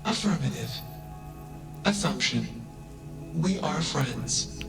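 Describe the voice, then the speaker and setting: A man's voice: mid-range voice, lively intonation, slow, vocal fry. A man voicing a damaged, emotionless ship AI that speaks like a computer processing, announcing each statement's type. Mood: flat. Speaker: game character. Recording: distant voice under loud game music.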